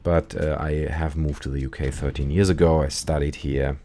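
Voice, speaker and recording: A deep-voiced man with a German accent rambles through a casual chat as host of a call-in show. He keeps breaking off mid-sentence to react to the game he is playing. Faint gunfire and noise sit behind him. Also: little pitch movement, moderate pace, warm tone.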